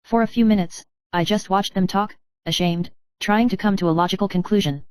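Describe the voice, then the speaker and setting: A woman narrating a first-person story in a steady, measured reading style. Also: mid-range voice, clean tone, dry recording.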